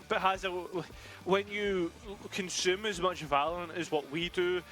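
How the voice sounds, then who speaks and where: A man's voice: sits high, steady tone, moderate pace, pushed and bright. A British man analysing an esports match as co-caster, explaining tactics in a thoughtful, hesitant way with many fillers.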